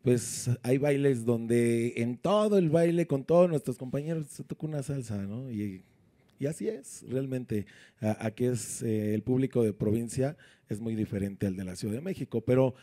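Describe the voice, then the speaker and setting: A man's voice: medium pitch, mellow. A man, a sound system announcer, coaching others in a casual interview by firing off questions. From Puebla, Mexico. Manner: coaching, asks rapid questions. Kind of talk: casual interview, giving advice.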